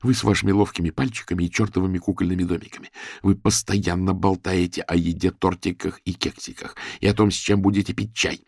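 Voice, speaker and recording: A man's voice: on the low side, expressive, brisk, vocal fry, a little mellow, husky, dry recording, clean studio sound, exaggerated voice. A man voicing a bitter, paranoid young single mother who speaks in a venomous, accusing way. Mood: scornful.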